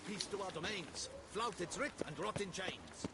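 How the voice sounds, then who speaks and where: A man's voice: sits high, big pitch swings, normal speed, very noisy. A man playing a formal, declaiming townsman or guard in a fantasy video game. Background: loud game music.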